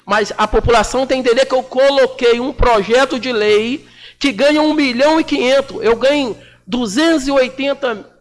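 Fiery high-voiced councilman on the floor. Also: moderate pace. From Brazil. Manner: combative, indignant, with colloquial slang. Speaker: city councilman. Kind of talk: plenary floor speech. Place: municipal council chamber, indoors. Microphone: desk microphone.

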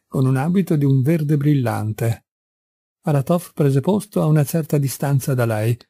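A man reading a classic novel aloud in measured, even scripted narration. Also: mid-range voice, creaky, dry recording, studio quality. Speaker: audiobook reader.

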